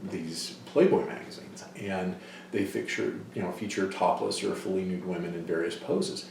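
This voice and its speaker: A man's voice: low-pitched, a little hiss or hum. A male psychology lecturer telling case stories in a lecture, acting out quoted voices now and then. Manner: storytelling, acts out quoted voices loudly. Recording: distant mic in a very echoey hall.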